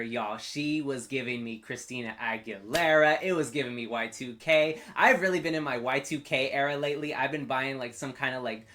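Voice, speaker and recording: A man's voice: medium pitch, fairly bright tone. Guy hosting a chill wrestling review vlog, super gushy, slangy fan talk. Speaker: host.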